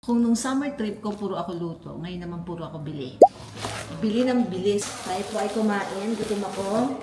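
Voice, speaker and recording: Chatting casually to her viewers as she eats, a Filipino-accented woman from the Philippines hosts a food haul and mukbang, mixing languages freely. Her voice is mid-range at a moderate pace, heard in an echoey room with heavy background noise.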